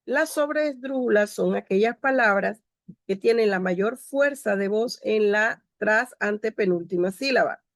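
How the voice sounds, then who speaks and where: Speaking from home over a video call, a woman teacher delivers a grammar lecture, walking through it step by step and announcing each slide aloud. Her voice is medium in pitch, and the sound is clean and studio-like with no echo.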